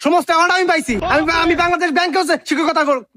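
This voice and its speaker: A man's voice: high voice, very fast, natural voice. A man playing a bragging know-nothing tutor. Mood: pompous. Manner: pompous, blustering, stumbles over words. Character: boastful, ignorant male private tutor. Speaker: comedic skit actor. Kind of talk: comedy skit acting.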